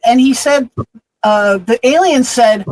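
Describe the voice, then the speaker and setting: A woman's voice: fairly high pitch, slow pace, darkish tone, a little hiss or hum, low-quality recording. Hesitant, self-deprecating woman host. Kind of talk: casual chat.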